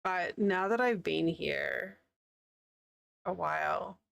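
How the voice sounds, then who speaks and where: A New Zealand woman streaming from her home in the United States chats casually with her live chat while she crochets, rambling and laughing often. Her fairly low voice is a bit bright and clean, with some vocal fry, and she takes her time.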